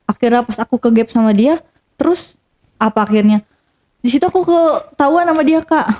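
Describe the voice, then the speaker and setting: A woman's voice: high voice, expressive, normal speed, a little mellow. A young woman telling a personal story casually to an interviewer, rambling with many fillers and restarts.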